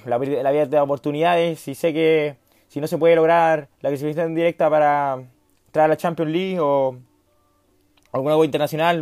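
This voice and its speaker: A man's voice: fairly high pitch, a little mellow, no echo, clean studio sound. A late-teen man with a Chilean accent telling a rambling, self-mocking story in a casual vlog, slangy and acting out the dialogue. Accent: Chilean Spanish. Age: late teens. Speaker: vlogger.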